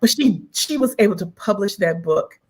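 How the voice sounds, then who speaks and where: A woman's voice: medium pitch, animated, normal speed, breathy edge. A woman co-hosting a casual chat podcast, emphatic and profane, laughing often. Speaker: podcast co-host.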